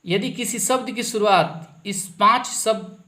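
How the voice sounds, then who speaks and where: A man's voice: high voice, a little slow, pushed and bright, roomy sound. A man teaching an English grammar lesson, asking a question and then answering it himself, often repeating the key words.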